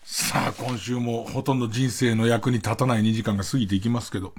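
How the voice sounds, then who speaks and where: A man's voice: mid-range voice, steady tone, fairly quick, a little hiss or hum. A man hosting late-night radio in a casual comic monologue, rambling with asides and exclamations.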